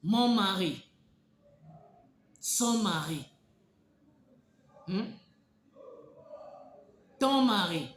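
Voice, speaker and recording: Male political commentator, Congolese French accent, emphatic, halting storyteller, echoey room. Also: high voice, lively intonation, a bit bright, a little hiss or hum.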